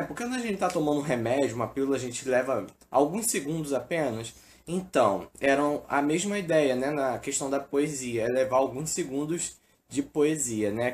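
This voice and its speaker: A man's voice: a little high, darkish tone. A man with a Brazilian Portuguese accent giving an informal literature lesson, filling his sentences with tag questions and hesitations. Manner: casual, fills with "né" and "é". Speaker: teacher.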